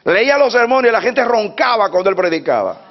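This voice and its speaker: High-voiced fiery male preacher, lo-fi. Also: sing-song, a little fast. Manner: swings from hushed talk to shouted preaching; repeats words for emphasis. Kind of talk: sermon. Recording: dull lo-fi sound.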